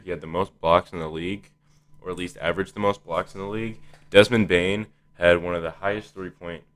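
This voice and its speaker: A man's voice: low-pitched, a bit bright. A man hosting a casual sports discussion, thinking aloud in a hesitant, conversational way. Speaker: podcast host.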